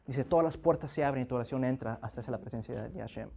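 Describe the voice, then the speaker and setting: A man preaching in a mid-pitched voice, stumbling and restarting his phrases, then tagging them with rhetorical questions. When he voices a prayer he leans into it with growing intensity. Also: creaky, warm tone, slight background noise. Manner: halting, many restarts and repeated "¿verdad?"; acts out prayers with rising intensity.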